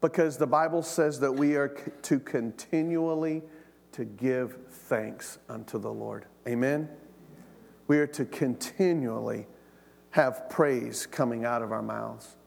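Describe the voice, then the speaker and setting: A man preaching a sermon as pastor, praying and telling stories, animated, often repeating words and asking the congregation questions. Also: mid-range voice, unhurried, gravelly, big-room sound. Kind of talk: sermon with prayer and storytelling.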